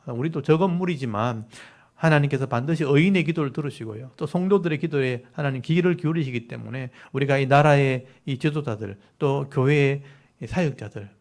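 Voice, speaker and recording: A man preaching a sermon as pastor, reading verses aloud and explaining Hebrew words to his congregation. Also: medium pitch.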